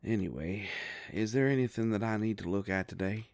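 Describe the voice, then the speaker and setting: This gravelly, folksy man plays a gentle werewolf PI who looks out for others in an intimate audio drama. He talks fairly low and fairly quickly, with a slightly mellow tone and no room sound. His manner is reassuring and businesslike.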